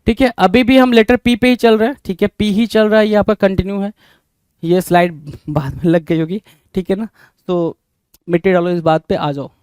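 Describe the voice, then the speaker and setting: High-voiced Indian man teaching vocabulary. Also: steady tone, moderate pace, a little mellow, smooth, no room sound. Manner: keeps asking the class rhetorical questions, calls them "bhai". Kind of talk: exam-prep vocabulary lesson.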